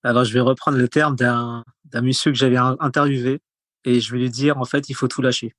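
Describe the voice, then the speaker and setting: Male podcast guest, mid-pitched, rambling casual speech, very dry recording. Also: little pitch movement, a little fast, a bit bright, no room sound. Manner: rambling, repeats words, frequent fillers. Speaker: podcast guest, content creator. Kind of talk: casual conversational interview.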